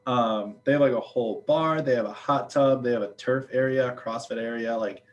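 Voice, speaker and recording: A man's voice: medium pitch, normal speed, dull audio. Chatty young man. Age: young adult. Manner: chatty, filler-heavy, joking. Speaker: student ambassador. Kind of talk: casual chat.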